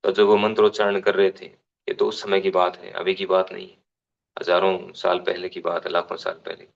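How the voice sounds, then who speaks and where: A man's voice: low-pitched, monotone, moderate pace, vocal fry, dull audio. A man giving a devotional scripture class, explaining unhurriedly, restating phrases and giving everyday examples.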